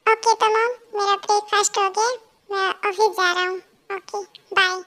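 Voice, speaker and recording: A woman voicing a rude, dismissive young husband in a fan audio story, in her own very high voice. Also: little pitch movement, normal speed, pushed and bright, no echo. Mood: curt. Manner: curt, dismissive, irritable.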